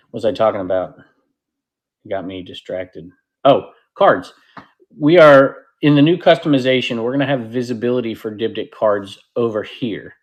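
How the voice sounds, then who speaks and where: A man hosting a casual livestream, rambling and interrupting himself, with sudden excited bursts. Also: lowish voice. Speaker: host of a live selling platform stream.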